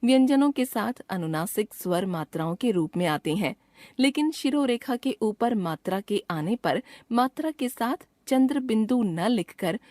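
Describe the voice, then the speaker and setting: Slow, careful woman teacher reading a lesson. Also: medium pitch, darkish tone, no room sound, studio quality. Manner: slow, careful, spells out each letter and example. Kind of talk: scripted lesson narration.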